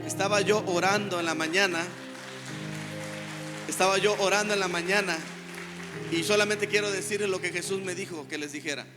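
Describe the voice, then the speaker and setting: A man with a Mexican Spanish accent preaching a sermon as pastor, breaking into shouts and calling on the congregation to repeat after him. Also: high voice, steady tone, normal speed, pauses often, a crowd in the background. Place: church hall. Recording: reverberant church hall with music underneath.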